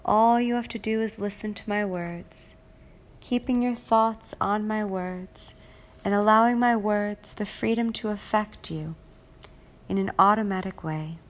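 A woman reading a guided relaxation script in a slow, soothing, repetitive way, like a hypnotist. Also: mid-range voice.

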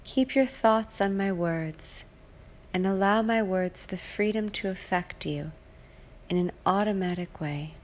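Slow, soothing woman guiding relaxation. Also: medium pitch. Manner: slow, soothing, repetitive, drifts into soft whispers. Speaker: relaxation guide. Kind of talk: guided hypnosis relaxation script.

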